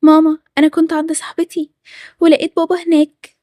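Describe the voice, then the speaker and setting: A woman's voice: very high voice, level tone, fast, mellow, no echo, studio quality. A woman with an Egyptian accent voicing an earnest young girl who learns her father is a thief, in a Toca Boca story. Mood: pleading. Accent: Egyptian Arabic.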